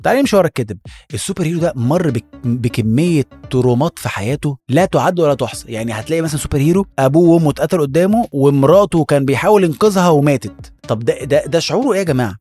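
Egyptian guy ranting super fast on his comedy podcast, crude and blunt, a bit high-pitched. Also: animated, mellow, slightly rough, faint music behind. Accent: Egyptian Arabic. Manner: rapid, blunt, crude jokes, acts out characters. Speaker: podcast host. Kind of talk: satirical comedy monologue.

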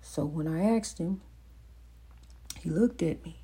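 With a deep, warm, slightly rough voice, she takes her time through a faith-filled motivational monologue on her own program. Recorded indoors at home, it rambles, with many fillers and restarts, and repeats phrases for emphasis.

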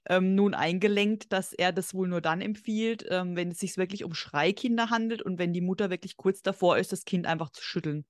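A woman guest on a podcast, an expert on babies, explaining in a calm, matter-of-fact way with some hesitations. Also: fairly low pitch, a little fast, hardly any pauses, dry recording, studio quality. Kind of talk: casual podcast interview.

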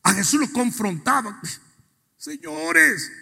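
High, gravelly preaching man in a hall. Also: animated, normal speed. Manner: swings from quiet asides to shouted, sing-song preaching. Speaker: pastor. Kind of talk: sermon. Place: church sanctuary. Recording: long reverb of a church hall.

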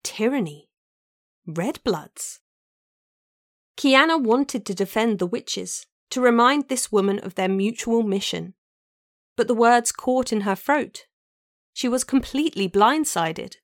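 A woman narrating a fantasy novel as an audiobook, with an even storytelling delivery. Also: on the high side, unhurried, no room sound, clean studio sound.

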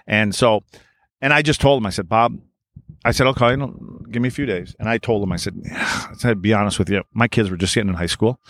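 A former hockey player from Wisconsin appears as a podcast guest, casually telling blunt, profane stories and acting out both sides of old conversations. His voice is lowish with a fairly bright tone, recorded dry.

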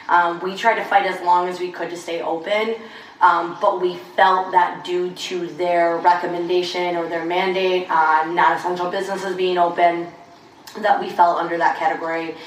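A woman co-hosting a gym podcast in casual chat, talkative and prone to tangents, recorded in an empty gym. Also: on the low side. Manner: chatty, drifts into tangents. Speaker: gym coach and podcast co-host. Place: empty gym on a rainy day. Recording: roomy, distant mic with faint hiss. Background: faint rain ambience.

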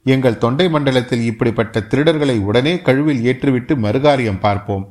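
A brash young warrior, bold and quick with his tongue, as a male narrator puts him on. He speaks with indignant, commanding force in a storybook reading. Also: medium pitch, darkish tone, lightly acted.

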